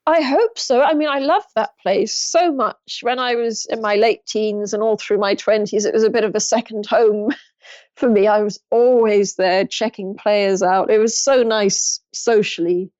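A woman's voice: mid-range voice, a little slow, a little mellow, no room sound, dull audio. A woman drummer in her thirties chatting in an interview, laughing often and restarting her sentences. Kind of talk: casual interview chat.

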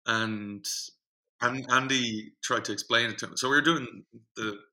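Gravelly, forceful young man. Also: mid-range voice, measured pace, low-quality recording. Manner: rambling, animated, with lots of fillers and restarts. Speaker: podcast co-host, singing group organiser. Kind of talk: casual storytelling chat.

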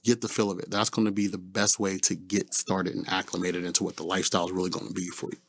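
A man's voice: deep voice, little pitch movement, fast talker, husky, dry recording. A man talking as a podcast guest, giving blunt, profane advice in casual chat.

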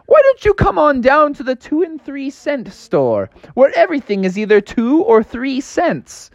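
Woman doing a chirpy old bunny rabbit gentleman. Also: sing-song, measured pace, dry recording, dull audio, exaggerated voice. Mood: genial. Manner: courtly, old-fashioned, high and chirpy.

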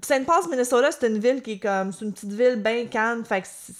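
A woman with a Quebec French accent, telling a crime story in a chatty, animated way on a podcast. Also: fairly high pitch, fairly quick. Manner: animated, chatty, with many fillers. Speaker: podcast co-host. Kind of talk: casual storytelling chat.

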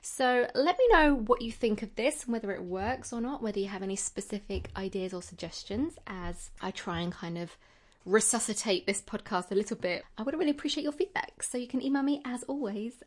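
A middle-aged woman hosting an upbeat advice vlog, chatty and reassuring, setting out organised tips as an experienced teacher. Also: on the high side. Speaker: teacher giving advice as host.

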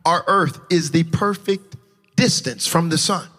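A man preaching a sermon in a church, passionately shouting in a sing-song preaching cadence. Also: fairly high pitch, measured pace, in a large hall, soft background music. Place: church sanctuary.

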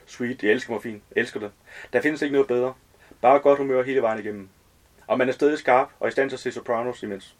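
A man's voice: mid-range voice, steady tone, lightly acted. Chatty, slangy fortyish man, nosy and overly familiar, read by a male author.

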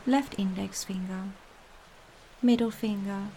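A woman guides a meditation at a very unhurried pace, in a calm and soothing meditative tone. Her phrases often trail into soft breathiness. A steady noise sits behind her medium-pitched voice. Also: poor audio.

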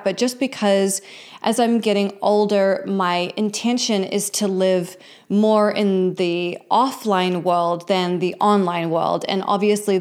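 A woman of about forty hosting her own show, talking candidly and reflectively in a confessional, conversational life update to her followers. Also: medium pitch. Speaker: host of a personal show.

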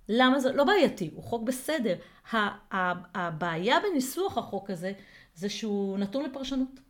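A woman co-hosting a casual podcast discussion, reflective and full of hesitations and worked examples. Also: mid-range voice. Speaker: co-host.

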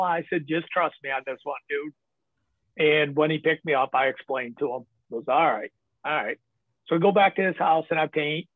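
A man's voice: on the high side, no echo. Man telling stories over a tinny line. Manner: candid, laughs often, many fillers. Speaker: podcast guest. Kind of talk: casual storytelling. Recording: tinny phone-like line, dry.

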